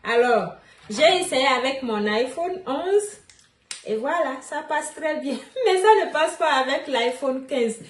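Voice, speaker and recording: A woman's voice: high-pitched, animated, takes it slowly. A woman explaining immigration news in a casual vlog, chatty and repeating key points, with a slightly crackly voice. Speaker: immigration vlogger. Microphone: phone mic. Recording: echoey room, far from phone mic.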